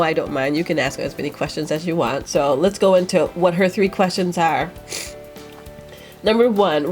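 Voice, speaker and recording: A woman's voice: on the low side, darkish tone. A woman vlogger, stuffy and sniffling with a cold, rambling in casual chat as she answers viewer questions. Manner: rambling, chatty, with fillers.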